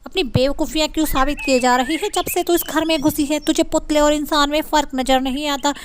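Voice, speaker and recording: A short-tempered middle-aged mother-in-law, as a woman puts her on, scolding harshly in a high voice. Her insults come sharp and fast. It suits a cartoon family story. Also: fairly even intonation, slight background noise, close to an everyday voice.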